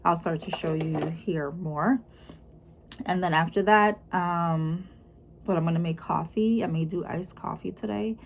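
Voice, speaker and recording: A woman with a Jamaican accent chatting casually in a vlog, explaining things as she goes in an unhurried, conversational way. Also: on the low side. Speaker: vlogger. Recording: clearly noisy room ambience.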